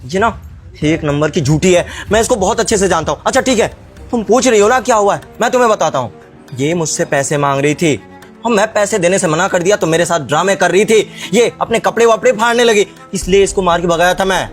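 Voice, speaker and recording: An actor playing a lecherous husband who coaxes slyly and turns blustering and defensive when caught, in a melodrama. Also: male voice, high voice, fairly quick, soft background music, lightly acted. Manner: coaxing, then blustering and defensive. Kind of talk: social-media melodrama acting.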